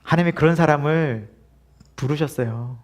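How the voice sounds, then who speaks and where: A male pastor preaching a sermon to his congregation. He talks in an animated way, moves from loud laughing asides to hushed earnest lines, and acts out inner voices and short quoted lines. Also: on the high side, moderate pace.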